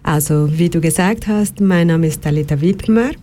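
A middle-aged woman from Brazil with a Brazilian Portuguese accent, a psychologist and counselor speaking as a radio guest, hesitant with many pauses and fillers. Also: fairly low pitch, warm tone. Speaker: psychologist and victim support counselor. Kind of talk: radio talk show guest.

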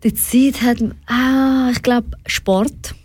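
Speaking slowly and at a fairly high pitch, a young woman from Switzerland with Afghan roots talks candidly in a personal, reflective interview. Her Swiss German accent comes through, and she drops in English words. Her intonation is fairly even, her tone a little mellow and slightly rough, with no echo.

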